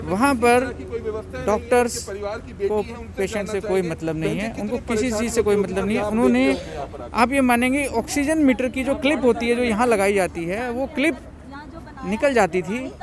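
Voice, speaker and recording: At an outdoor cremation ground, a relative of the deceased gives agitated testimony to a reporter while a crowd gathers behind. He has a high voice, speaks at a moderate pace, and quotes others in dialogue.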